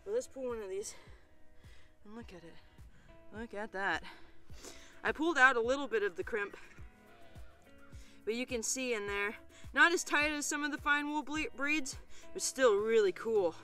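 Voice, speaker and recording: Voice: medium pitch, normal speed, long pauses, bright, forceful tone, faint music behind. An American sheep shearer in casual vlog commentary, enthusiastic and admiring while handling the fleece in a shearing pen. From United States.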